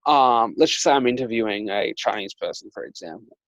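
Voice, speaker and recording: A man's voice: on the low side, fairly quick, gravelly, fairly bright tone, no room sound, muffled recording. A young man, hosting a casual chat and telling stories with lots of fillers like "like" and "um". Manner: chatty storyteller, lots of "like" and "um". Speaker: dating coach and host.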